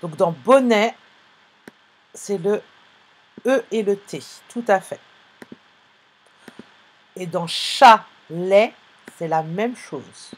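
A woman teaching young children to read in a live online lesson, going slowly and patiently as she spells out sounds and letters. Her voice is a little breathy, and the pace is unhurried throughout. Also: mid-range voice, a little mellow. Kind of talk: phonics lesson for young pupils. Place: online class, live stream.

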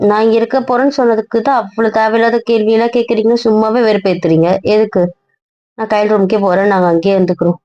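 A woman's voice: mid-range voice, fairly even intonation, fast talker, no echo. A young woman in casual couple banter, sulky, pleading and stubborn. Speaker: wife in a couple vlog skit. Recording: dull, dry lo-fi audio.

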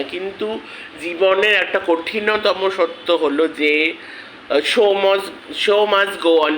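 A man with a headache, talking slowly and quietly in an angry protest vlog on his channel. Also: on the high side, a little hiss or hum, poor audio. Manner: speaks slowly and quietly, rising in anger. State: has a headache. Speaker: vlogger.

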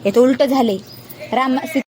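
High-voiced young mother coaxing her kids. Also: unhurried, a little mellow, a little hiss or hum. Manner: coaxing, asks playful repeated questions. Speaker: mother filming her children. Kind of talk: casual family vlog, talking to small children.

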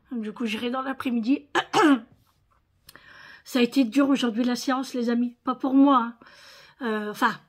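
A tired woman chatting casually in her vlog, with a northern French accent and lots of fillers and little tags. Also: a little high. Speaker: vlogger. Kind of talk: casual chat.

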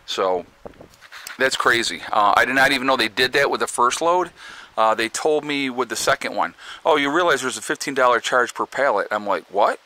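A mid-pitched man with a Northeastern American accent strolls his rural homestead holding a camera, rambling through a casual vlog full of fillers and restarts. His voice is expressive, pushed and bright, at a moderate pace. The recording is dry and the audio quality poor.

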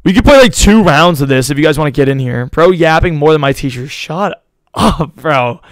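A man's voice: on the high side, animated, brisk, no echo. A young man streaming live, rambling casually to his chat in slangy talk, his voice a little worn out.

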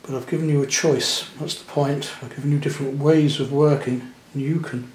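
Gentle man teaching watercolour. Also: mid-range voice, steady tone, fairly quick, reverberant, a little hiss or hum. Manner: gentle, chatty, thinking aloud while painting. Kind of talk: painting demonstration narration. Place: indoor studio at the easel.

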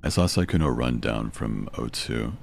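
A man with a gravelly voice chatting casually as he plays an online game. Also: extremely low pitch, lively intonation, normal speed, slight background noise. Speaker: video game player. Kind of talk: casual gaming chat.

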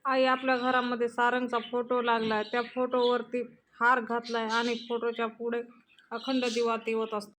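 A tearful young widow, reproachful and pleading, in a fairly high, flat voice, as a woman storyteller reads her part. Her grief comes through in her words more than in any change of voice. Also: normal speed, slight background noise, lightly acted. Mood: accusing.

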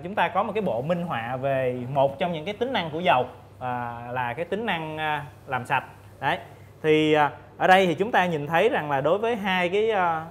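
A man in his thirties, a guest expert on a studio panel, explaining methodically with frequent pauses and fillers, on a lapel mic. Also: a little high, slight background noise. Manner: measured, explains step by step with many fillers. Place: indoor TV studio set.

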